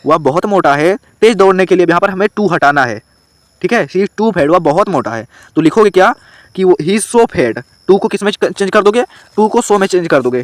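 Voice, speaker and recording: Man with a Hindi accent, grammar teacher, explains step by step, quizzes students, slightly high voice, dry close sound. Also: dry recording. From India. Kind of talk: online grammar lesson.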